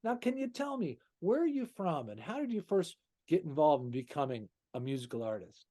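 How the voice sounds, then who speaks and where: In this casual interview, the male host has a rather high, dark-toned voice and talks briskly and very animatedly. He's effusive, lavishing praise on his guest, whom he calls "brother." He says "you know" over and over.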